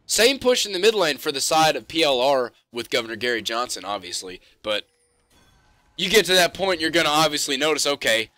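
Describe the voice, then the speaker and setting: A young man doing joking live esports play-by-play that bursts into shouted hype calls. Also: mid-range voice, no room sound. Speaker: esports caster.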